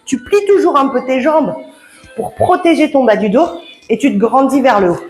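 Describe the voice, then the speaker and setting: A woman's voice: sits high, animated, normal speed, darkish tone. A woman coaching a home workout, chatty and encouraging, laughing often and slightly out of breath. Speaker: fitness coach. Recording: echoey room with background music.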